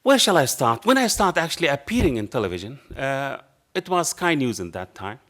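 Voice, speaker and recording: A middle-aged man, strongly Arabic-accented, gives an anecdotal public talk from a panel table in a dark lecture hall, playing both roles in a remembered conversation. Passionate, with non-native phrasing, he speaks a little fast in a mid-range, fairly bright voice with big pitch swings. A table mic picks him up.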